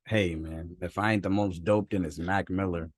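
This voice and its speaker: Young man, podcast co-host, low voice, dry close sound, animated, slangy, laughs easily. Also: moderate pace, slightly rough, dry recording. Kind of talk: casual chat. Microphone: own mic at home, phone nearby.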